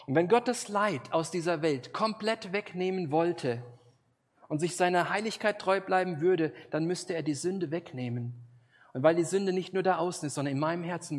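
A man preaching a sermon, earnest and emphatic, speaking directly to his listeners. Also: medium pitch.

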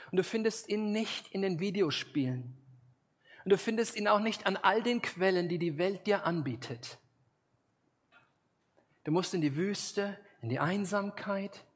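Earnest, husky-voiced male preacher. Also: high-pitched. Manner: earnest, emphatic, addresses listeners directly. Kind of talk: sermon.

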